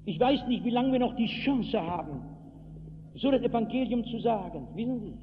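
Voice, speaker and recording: A man preaching an evangelistic sermon to a hall, telling stories from his own life and breaking into acted shouts. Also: extremely high pitch, animated, moderate pace. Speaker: pastor. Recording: tinny lo-fi hall recording with hiss.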